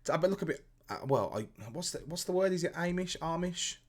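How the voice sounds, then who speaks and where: A man's voice: on the high side, expressive, fast talker. A man hosting a casual podcast interview who reads out listener questions and laughs often. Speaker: podcast host.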